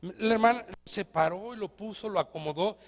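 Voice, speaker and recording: A man's voice: high voice, normal speed, gravelly, long reverb tail. A man with a Mexican accent, a pastor giving a sermon in a conversational way, often asking the congregation questions. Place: church.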